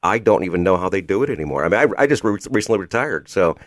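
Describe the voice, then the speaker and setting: Older man, chatty host, low voice. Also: lively intonation, rapid-fire, dry recording, clean studio sound. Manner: chatty, laughs often, folksy asides. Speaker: podcast host, retired radio DJ. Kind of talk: casual interview chat.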